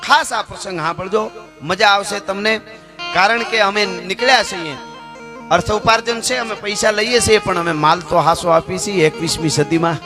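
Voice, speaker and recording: High-voiced storyteller over music. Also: male voice, moderate pace. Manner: dramatic, acts out dialogue, chants poetry. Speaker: folk storyteller at a dayro. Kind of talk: dayro storytelling with sung verses.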